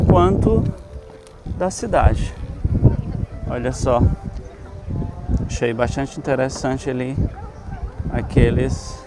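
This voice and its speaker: Guy vlogging outside on a walk, chatty guide vibe, lotta traffic and wind noise behind. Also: a little high. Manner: chatty tour-guide narration, addressing viewers as pessoal. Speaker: travel vlogger. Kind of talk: casual travel vlog walkthrough. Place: outdoors at a hilltop statue and cable car, city. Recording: loud outdoor noise and wind.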